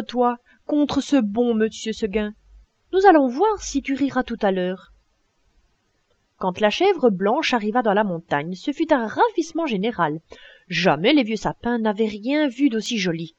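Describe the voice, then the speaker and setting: A woman narrating an audiobook tale in an expressive storytelling manner with many exclamations. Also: on the high side, no room sound, lo-fi sound. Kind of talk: storybook reading.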